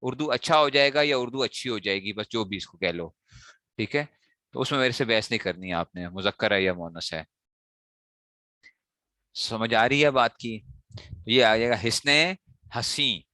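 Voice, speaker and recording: Bright-voiced man teaching a class. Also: mid-range voice, dry recording, studio quality. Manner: corrects mispronounced words, repeating them slowly syllable by syllable; asks students checking questions. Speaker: teacher of Arabic morphology. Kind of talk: classroom lecture.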